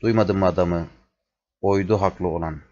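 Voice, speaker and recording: A man reading the part of a raging, mad young Roman emperor, shouting out commands. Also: low-pitched, fairly even intonation, normal speed, lightly acted. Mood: furious. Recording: dull lo-fi recording.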